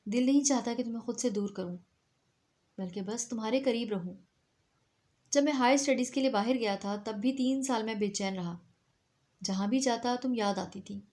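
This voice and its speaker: Brooding proud young man, confrontational, lightly higher tone, read by a woman. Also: darkish tone, close to an everyday voice. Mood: earnest. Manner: confrontational, then earnest. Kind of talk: storybook reading.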